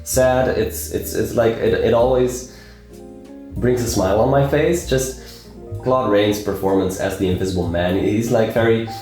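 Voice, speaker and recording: A man's voice: lowish voice, a little slow, a little mellow, soft background music. A young man casually talking about films, rambling with many fillers and repeated words. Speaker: film review vlogger. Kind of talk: casual film talk. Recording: very echoey room.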